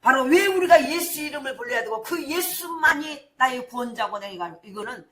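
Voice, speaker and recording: A middle-aged woman pastor preaching a sermon, moving between hushed storytelling and shouted declarations. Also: high-pitched, lively intonation, normal speed. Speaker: senior pastor. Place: church sanctuary. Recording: echoey church hall.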